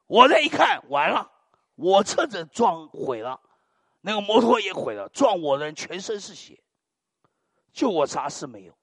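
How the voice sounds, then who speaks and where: An older male preacher delivers a sermon in a high, husky voice that swoops wildly up and down. He tells stories dramatically and drops low hallelujahs between his lines. The sound is dry and close. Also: normal speed, dry recording. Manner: animated, dramatic storytelling peppered with muttered hallelujahs.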